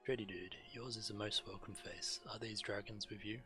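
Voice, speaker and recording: A streamer with a fairly low voice reads quest text from a game, narrating over clear background music. He keeps a steady tone and speaks at a normal speed.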